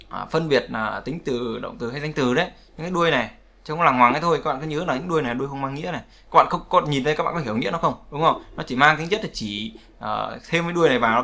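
Male language teacher with a gravelly, bright voice, explaining patiently and repeating examples. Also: medium pitch. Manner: repetitive, conversational, checks with "đúng không?". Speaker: English pronunciation teacher. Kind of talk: explaining word stress in a lesson.

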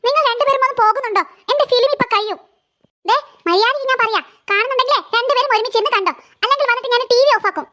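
A woman's voice: extremely high pitch, racing, pushed and bright. A woman voicing a busy, short-tempered mother in a cartoon who scolds her two daughters. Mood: scolding. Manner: scolding, exasperated. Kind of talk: cartoon voice acting.

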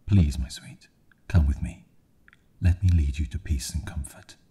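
A man's voice: very deep voice, unhurried, dark tone, breathy edge, exaggerated voice. A man whispering as a jealous hooded stranger. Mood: menacing. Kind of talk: ASMR storytelling.

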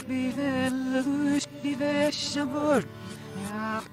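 A man's voice: extremely high pitch, steady tone, drawn-out words, over music. Backwards-played male singing voice. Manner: slurred, garbled sung syllables. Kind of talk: song vocal. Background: loud band playing.

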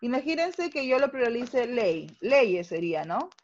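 A woman's voice: fairly high pitch, sing-song, unhurried, darkish tone, dull audio. A woman teacher with a Peruvian Spanish accent, explaining a grammar lesson patiently in an online class and checking understanding with frequent tag questions.

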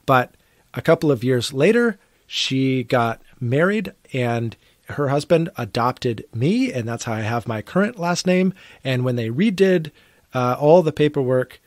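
A man from Oregon co-hosts a casual podcast chat, reflective and earnest, quick to laugh. His voice sits in a middle register. The sound is dry and close to the mic. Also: medium pitch, darkish tone, dry recording. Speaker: podcast co-host. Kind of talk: casual phone conversation.

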